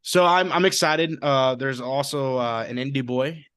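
A man co-hosting a casual sports podcast, jokey and quick to talk over his co-host. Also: mid-range voice, a bit bright, clear, resonant tone.

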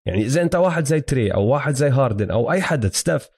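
This sports co-host talks rapid-fire in a medium-pitched voice that's a little mellow and slightly rough, with lively intonation. In a relaxed analysis chat, his Palestinian-Jordanian Levantine Arabic accent comes through as he explains things, makes sure the listener keeps up, and mixes in English basketball vocabulary.

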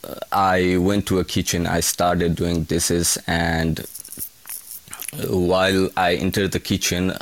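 A young man from Nepal, a kitchen hand answering interview questions in a halting way, often restarting his words. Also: low voice, flat delivery. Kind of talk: casual interview.

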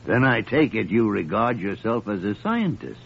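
Irascible radio-drama doctor, hugely animated delivery, exclamatory and easily flustered, muffled old recording. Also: male voice, fairly low pitch, moderate pace, vocal fry, a little hiss or hum. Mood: politely probing. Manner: blustery, sputtering, exclamatory.

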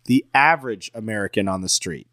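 A man's voice: fairly low pitch, fairly quick, fairly bright tone, dry recording, clean studio sound. A man co-hosting a podcast, chatting casually, telling stories and teasing his partner. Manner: joking, storytelling, teasing. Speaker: podcast co-host. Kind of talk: casual chat.

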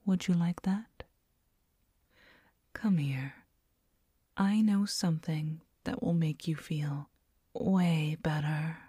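A woman playing a doting, teasing girlfriend in a whispered role-play, speaking slowly and tenderly, right in the listener's ear. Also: low voice, steady tone, mellow, husky, no echo, studio quality, heavily acted. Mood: tender, inviting. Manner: slow, tender, coaxing. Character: doting, teasing, nurturing girlfriend soothing her partner. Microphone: very close binaural microphone.

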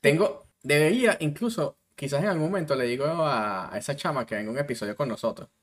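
A man with a Venezuelan accent, co-hosting a podcast in relaxed, slangy casual chat. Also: quick pace. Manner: relaxed, slangy, drops to low voice in anecdotes. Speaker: podcast co-host.

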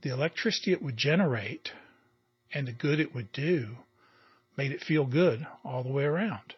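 Older farmer guy from rural virginia, folksy n halting, kinda muffled field tape. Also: medium pitch, expressive, husky, no echo. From rural Virginia, United States. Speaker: cattle farmer interviewed. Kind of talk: casual interview talk. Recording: dull, noisy outdoor field recording.

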